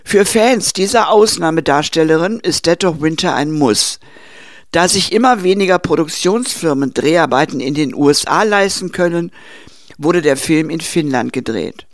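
Guy doing a film review voiceover, slightly high, dead dry sound. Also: lively intonation, moderate pace, dry recording. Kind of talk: scripted narration.

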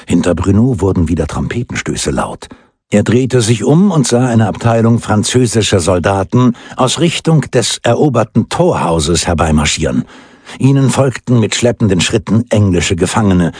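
A man with a husky voice reading a crime novel as an audiobook, with measured storytelling delivery. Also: fairly low pitch, a little mellow, no room sound. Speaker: audiobook reader. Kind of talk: scripted audiobook narration.

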